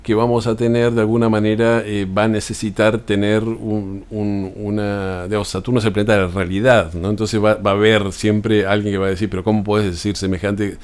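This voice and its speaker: A man's voice: lowish voice, little pitch movement, a little fast, few pauses, clear, resonant tone. A man with an Argentine accent, explaining astrology in an unscripted talk, often restarting phrases and adding tag questions. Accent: Argentine Spanish.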